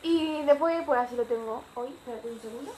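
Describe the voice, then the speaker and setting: A woman's voice: high-pitched, fairly quick, a little mellow, echoey room, a little hiss or hum, low-quality recording. A young woman with a Spanish accent from Spain, rambling chattily with many fillers in a casual storytime vlog at home. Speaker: vlogger. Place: home living room.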